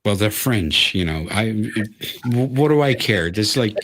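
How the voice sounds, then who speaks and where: A man's voice: fairly low pitch, animated, a little slow, fairly bright tone, slight background noise. A man hosting a livestream, rambling and ranting with lots of swearing. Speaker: livestream host. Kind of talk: casual livestream chat.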